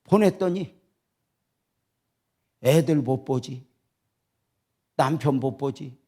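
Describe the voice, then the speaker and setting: A middle-aged male pastor preaching a sermon in a church, moving between hushed retellings and rising, emotional appeals. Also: medium pitch, takes it slowly. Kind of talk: sermon at a revival meeting. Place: church sanctuary.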